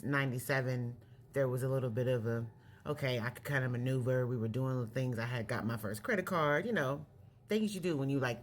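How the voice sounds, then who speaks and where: A woman in her late forties from California, candidly telling her life story in a casual vlog, pausing and correcting herself as she goes. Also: a bass voice, a little hiss or hum. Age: 40s. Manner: reflective, candid, self-correcting. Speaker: vlogger.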